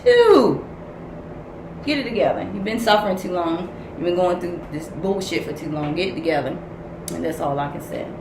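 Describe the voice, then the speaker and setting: An older woman, a grandmother and spiritual counselor, gives a tarot message reading in a blunt, profane, tough-love preaching style. Her voice is lowish and fairly quick, recorded in an echoey room with noise.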